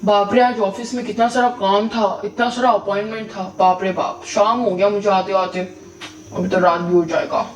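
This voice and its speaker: A woman's voice: medium pitch, steady tone, moderate pace, a little hiss or hum, natural voice. Doll story: woman voicing a stern middle-aged father, firm and lecturing; roomy, distant recording. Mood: weary.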